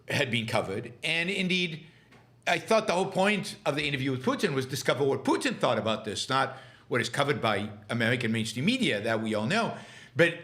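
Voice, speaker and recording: Hosting a political commentary podcast, a middle-aged man talks at medium pitch with a slightly bright tone. His delivery stumbles along with many fillers and restarts, then grows sarcastic and scornful.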